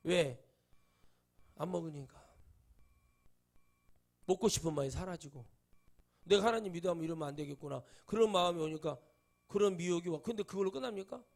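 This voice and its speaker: A middle-aged male pastor delivers a sermon in a high-pitched voice with a gravelly edge. He drives his points home with shouted peaks, then drops into quiet asides. He tells personal stories and acts out the other people's voices in them. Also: a little fast, long pauses.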